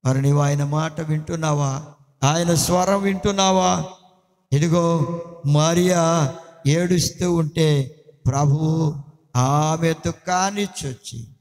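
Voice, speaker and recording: A male pastor delivering a sermon, emphatic and repeatedly addressing his listeners directly. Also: on the high side. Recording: long hall reverb.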